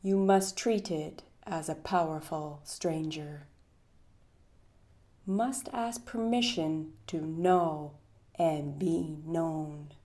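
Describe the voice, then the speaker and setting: With a mellow voice that sits low, this woman reads poetry within a guided meditation. She speaks calmly, pausing at length, and the ends of her phrases trail off breathily.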